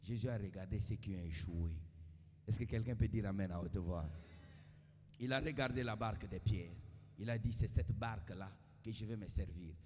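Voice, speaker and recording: A male pastor preaching a sermon, calling for amens and swinging from quiet asides to shouts. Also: fairly low pitch, normal speed, in a large hall. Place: church.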